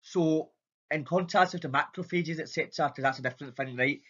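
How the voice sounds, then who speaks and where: A man with a strong Scottish accent giving an informal, somewhat halting biology lecture over slides. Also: a little high, a bit bright, slightly rough, dull audio.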